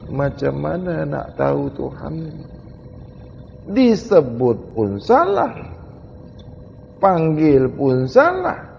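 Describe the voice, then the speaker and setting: A man delivers a mystical religious lecture in a high, gravelly voice. He speaks slowly, pressing each rhetorical question. The recording is dull and lo-fi, with a long hall reverb. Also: slight background noise. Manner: slow, emphatic rhetorical questioning. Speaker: religious teacher.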